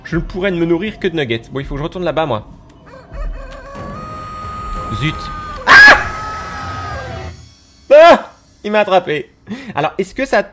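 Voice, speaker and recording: A high-pitched man doing gaming commentary, his voice swooping all over as he yelps and teases the monster. He speaks at an unhurried pace, with faint music playing behind him. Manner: excitable, yelps and shouts when scared; teasing, talks to the monster. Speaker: gaming YouTuber. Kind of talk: let's play commentary.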